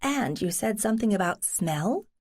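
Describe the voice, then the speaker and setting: A woman, a cozy mystery narrator, voicing a supportive woman companion who asks questions with gentle concern. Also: medium pitch, very animated, moderate pace. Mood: concerned, dry.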